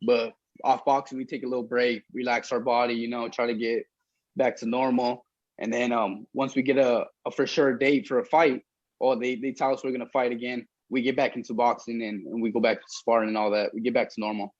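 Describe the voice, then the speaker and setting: Young male athlete interviewee, rough husky tone, casual and plain-spoken, dull recording. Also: mid-range voice, little pitch movement, fairly quick, no room sound. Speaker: boxer being interviewed.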